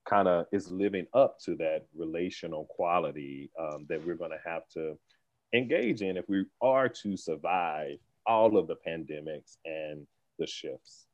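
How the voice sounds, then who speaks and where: Man guest on a podcast, lively storyteller, lowish voice, dull dry recording. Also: no echo. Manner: animated storyteller, laughs often, quick bursts. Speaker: guest, theater organization leader. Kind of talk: conversational podcast interview.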